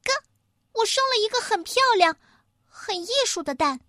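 A woman voicing a vain, excitable young hen with a crooked comb, shrill and clucking. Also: normal speed, no room sound, clean studio sound, heavily acted. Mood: eager.

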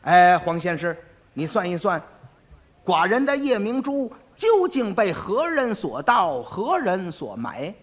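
A grand emperor who speaks in formal, old-fashioned court phrasing, as a man puts him on. His high voice swings widely as he speaks. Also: sing-song, slow, full character voice. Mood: stately. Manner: formal, stately speech.

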